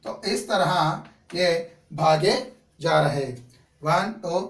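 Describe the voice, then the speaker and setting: Male teacher going over a story for kids, slow and kinda high, asks then answers, echoey room. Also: creaky, recorded from a distance. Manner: explains each Hindi word again in English; asks the class questions and answers them himself. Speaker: school teacher. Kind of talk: classroom story lesson.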